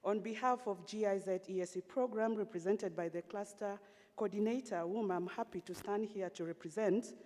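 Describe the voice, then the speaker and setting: Woman doing a formal podium speech, soft mellow tone, big echoey hall. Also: mid-range voice, normal speed. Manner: ceremonial, reading out protocol. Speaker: delegate giving remarks. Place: large conference hall, public address. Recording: reverberant conference hall.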